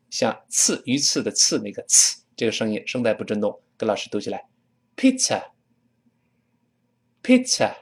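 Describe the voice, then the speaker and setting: Male English teacher, lively pitch, drills phrases. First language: Chinese. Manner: drills phrases slowly, spells letters aloud, models pronunciation. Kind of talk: spoken English pronunciation lesson.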